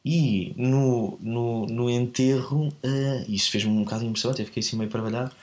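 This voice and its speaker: A man's voice: medium pitch, steady tone, fairly quick, a little mellow, roomy sound. A man with a European Portuguese accent, telling a story in casual chat, rambling and often correcting himself. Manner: rambling, self-correcting, laughs at own mix-ups.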